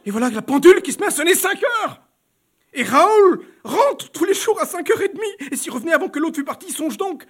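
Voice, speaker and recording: A man's voice: very high-pitched, lively intonation, fast, fairly bright tone, breathy edge, voice pushed up, exaggerated voice. A man doing a flustered, stammering young baroness. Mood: excited. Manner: stammering, breathless, pleading. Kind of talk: audiobook reading.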